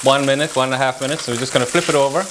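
A man's voice: mid-range voice, racing. A man in his thirties, a chef, explaining a recipe step by step as he cooks in a kitchen. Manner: relaxed step-by-step instructions while cooking. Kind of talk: cooking demonstration. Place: home-style kitchen, indoors. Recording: noisy kitchen with sizzling pans. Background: sizzling pans.

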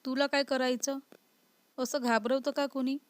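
A woman voicing an indignant young wife who is easily scared and quick to sulk. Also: high-pitched, flat delivery, smooth, no echo, natural voice. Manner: indignant, sulky.

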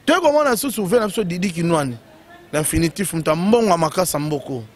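A man's voice: high voice, expressive, fast talker. A man giving casual, emphatic commentary on music news in short bursts full of fillers.

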